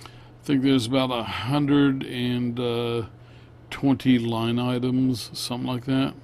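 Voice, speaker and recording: A man narrating a casual vlog, unscripted, in a halting, plain-spoken way. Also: mid-range voice, flat delivery, a little mellow, a little hiss or hum. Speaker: vlogger.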